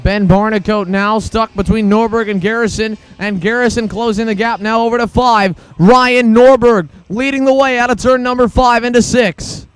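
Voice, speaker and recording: High-pitched male motorsport commentator calling a race. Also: moderate pace, hardly any pauses, clean tone, no room sound. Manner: excitable, urgent calling of the action. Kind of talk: live kart race commentary, play-by-play.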